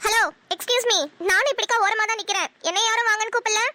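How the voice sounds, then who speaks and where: A woman's voice: very high voice, fairly even intonation, racing, bright, forceful tone, no echo. A woman voicing a cheeky, talkative young woman in a cartoon, speaking in a sassy, teasing way. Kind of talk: cartoon voice acting.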